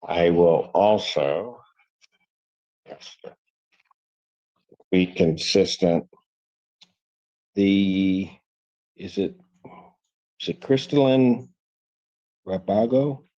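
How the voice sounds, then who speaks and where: A man presiding as a judge, brisk and matter-of-fact with a casual friendliness, captured in a courtroom recording. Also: low voice, warm tone. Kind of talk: courtroom proceedings. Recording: dull lo-fi courtroom audio.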